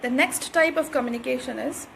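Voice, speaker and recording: Woman, high voice, instructor, didactic, faint background hum. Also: fairly quick, gravelly, fairly bright tone, poor audio. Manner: didactic, repeats points with "right?" and "okay". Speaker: communication skills instructor. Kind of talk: instructional talk to camera.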